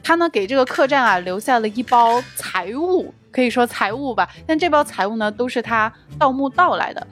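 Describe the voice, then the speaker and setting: A woman's voice: fairly high pitch, lively intonation, fairly quick, hardly any pauses, fairly bright tone, faint music behind. Laughing woman retelling a story. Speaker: podcast co-host. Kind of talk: casual chat, retelling scenes.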